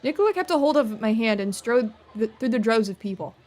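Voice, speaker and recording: A woman hosting a let's play, reading the game aloud with expressive, casual reactions. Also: a little high, a little fast. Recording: voice over game music. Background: game music.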